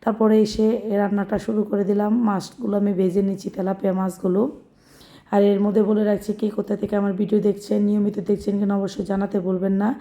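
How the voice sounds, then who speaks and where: A young woman with a hoarse, very dark, mellow voice narrates a home cooking vlog. She talks in a homely, chatty way and keeps her pitch flat and even as she walks through each step. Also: fast talker. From Bangladesh. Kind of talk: casual voice-over narration of a daily vlog.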